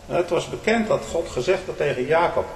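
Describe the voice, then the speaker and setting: A man preaching a fiery sermon, swinging from loud outbursts to hushed low tones and often adding a questioning "hm?". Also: animated, a little fast, a little hiss or hum. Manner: fervent, often adds a questioning "hm?". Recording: echoey hall with long reverb.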